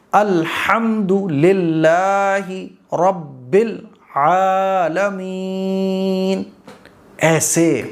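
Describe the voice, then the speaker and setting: Encouraging man teaching Quran reading. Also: fairly high pitch. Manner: demonstrates recitation, drawing out words very slowly; encouraging, direct address to learners. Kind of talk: informal recitation lesson.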